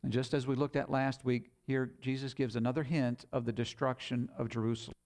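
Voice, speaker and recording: A man's voice: medium pitch, flat delivery, fairly quick, a little mellow. Man preaching in casual retelling. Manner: retells scripture in plain conversational paraphrase. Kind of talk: sermon.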